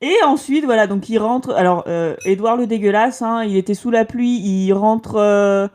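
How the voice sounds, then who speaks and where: Animated, laughing woman podcast co-host. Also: medium pitch, moderate pace. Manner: animated, laughing, mock-outraged. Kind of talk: casual chat, reading book passages.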